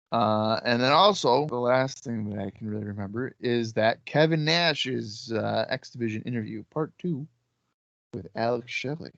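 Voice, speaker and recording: A man's voice: on the low side, no echo, dull audio. Sleepy, laid-back man podcast host. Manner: relaxed, sleepy, offhand with swearing. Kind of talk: casual chat.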